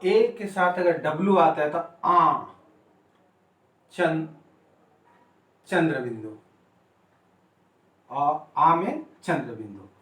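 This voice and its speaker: Male pronunciation teacher, slightly high voice, very slow and drilled, echoey room, distant mic. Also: fairly bright tone. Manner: slow and deliberate, repeats and spells out words. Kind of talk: Hindi-language lesson.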